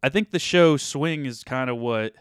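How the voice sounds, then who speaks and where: A man's voice: medium pitch, moderate pace, clean tone, no room sound, studio quality. A man co-hosting a casual podcast, rambling and often restarting his sentences. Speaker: podcast co-host. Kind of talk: casual chat.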